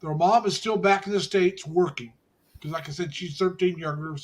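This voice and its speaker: A man's voice: high voice, moderate pace. A man in his sixties chatting casually on a livestream, rambling and often restarting his phrases. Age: 60s. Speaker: co-host.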